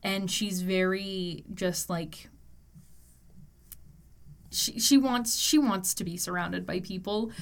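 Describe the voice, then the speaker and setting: Woman, unhurried speech, casual chat, thoughtful, pauses and fillers. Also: mid-range voice, vocal fry. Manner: slow, thoughtful, with frequent fillers and laughs. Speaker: podcast co-host. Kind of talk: casual chat about tabletop characters.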